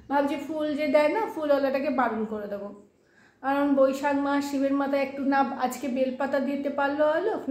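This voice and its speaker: A woman's voice: sits high, darkish tone, roomy sound. A woman chatting casually in a home vlog, urging a child to hurry while talking to her viewers. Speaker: vlogger and mother.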